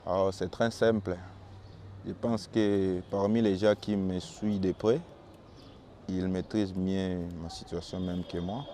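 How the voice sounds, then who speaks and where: Answering an interviewer's questions, a young goalkeeper from Bukavu stays calm and measured, restarting a little here and there. A young adult whose first language is Swahili, he speaks with a Congolese French accent in a low-pitched voice over background noise.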